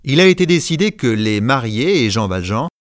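A man narrating a classic story in a measured reading, giving short lines to the characters. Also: mid-range voice, big pitch swings, no room sound, clean studio sound. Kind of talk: scripted narration.

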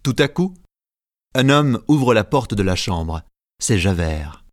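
A man narrating a story as an audiobook, in a measured, clear storytelling delivery. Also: lowish voice, sing-song, no room sound, clean studio sound.

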